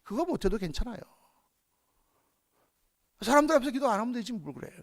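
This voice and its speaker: A man's voice: very high-pitched, very animated, a little fast. A man preaching a sermon as pastor of a church, in a conversational style that acts out short prayers.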